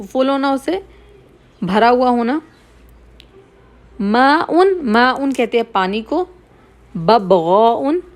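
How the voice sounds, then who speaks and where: A woman teaching Arabic vocabulary, saying each word slowly, repeating it and explaining its meaning. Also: fairly high pitch. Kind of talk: slow explanatory lesson, mixing Hindi-Urdu and English.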